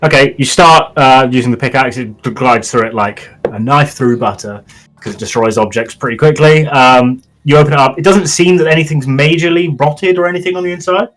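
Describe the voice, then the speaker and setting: A man's voice: mid-range voice, a little fast, fairly bright tone, slight background noise, rough recording. Man running a tabletop game. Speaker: game master.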